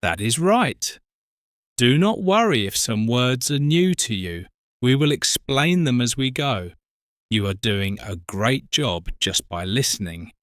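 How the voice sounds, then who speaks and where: A British man in his forties co-hosting an English lesson podcast, speaking slowly and clearly for learners. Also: mid-range voice, very animated, no echo, clean studio sound. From Britain. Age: 40s. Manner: slow, careful, spells out words. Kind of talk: slow scripted teaching talk.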